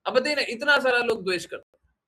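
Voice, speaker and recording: A man's voice: extremely high pitch, lively intonation, quick pace, sharp tone. A man giving a devotional talk to his followers, scolding and questioning them, slipping English phrases into his speech. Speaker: spiritual teacher.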